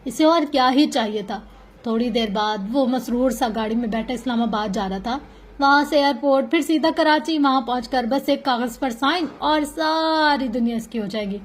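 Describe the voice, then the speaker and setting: Lady reading a novel aloud, high pitched, smooth and steady. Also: moderate pace. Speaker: novel reader.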